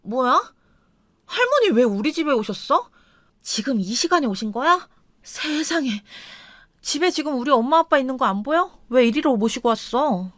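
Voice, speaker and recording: A woman's voice: sits high, big pitch swings, normal speed, a bit bright, dry recording, clean studio sound, voice pushed up. A woman voicing a petulant, spoiled young wife who talks in a whiny way. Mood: defensive.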